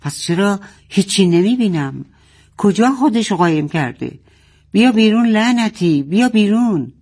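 A woman's voice: medium pitch, animated, warm tone, pitched above the performer's own voice. A woman voicing a frustrated father at a monitor who talks angrily and curses under his breath. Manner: angry, cursing under breath.

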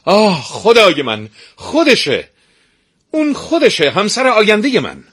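Man putting on a prince, impatient, loud, raised pitch, husky, storybook tale. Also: wildly swooping pitch, no echo, clean studio sound, exaggerated voice. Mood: impatient, shouting. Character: impatient young prince searching for his bride.

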